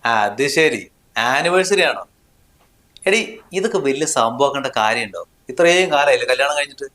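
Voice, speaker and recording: A man's voice: medium pitch, animated, fairly quick, a bit bright, echoey room, natural voice. A man acting a husband in a short drama, scolding and dismissive in tone. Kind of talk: scripted drama dialogue.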